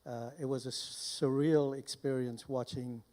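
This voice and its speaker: An older man from Burma speaks as a guest to a live audience, sharing informal personal testimony deliberately in short, broken phrases. His voice is medium-pitched, steady and warm, captured on a handheld mic held close.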